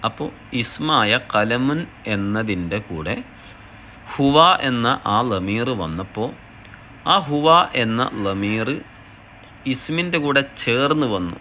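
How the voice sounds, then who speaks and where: Slow, patient male language teacher. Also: fairly low pitch, lively intonation, bright, forceful tone, a little hiss or hum. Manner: reads each phrase, then translates it; patient, step-by-step explaining. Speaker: Arabic teacher. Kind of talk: slow classroom explanation.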